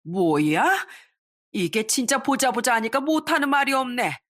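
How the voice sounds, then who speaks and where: A woman's voice: a little high, animated, unhurried, fairly bright tone, pitched above the performer's own voice. A woman putting on a haughty scolding mother-in-law. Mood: indignant. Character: scornful middle-aged mother-in-law.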